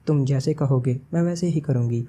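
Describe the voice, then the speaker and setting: A man's voice: medium pitch, warm tone, lightly acted. A man reading the lines of a desperate princess who pleads tearfully for her mother's life. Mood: pleading. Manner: tearful, begging.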